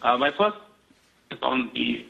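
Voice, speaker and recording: A man calling in as an analyst on a phone line that keeps breaking up, asking his question in halting, hesitant bits. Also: mid-range voice, lively intonation, gravelly, sharp tone. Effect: unstable phone line that keeps breaking up. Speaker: analyst caller on an earnings call. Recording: lo-fi phone line, away from the mic.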